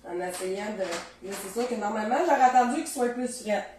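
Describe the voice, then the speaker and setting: A woman's voice: a little high, brisk, roomy sound, slight background noise. A woman with a Beauce Quebec French accent, hosting a casual cooking demonstration in her home kitchen and chatting to viewers as she tastes. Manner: chatty, animated, talks to viewers while tasting. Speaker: cooking show host.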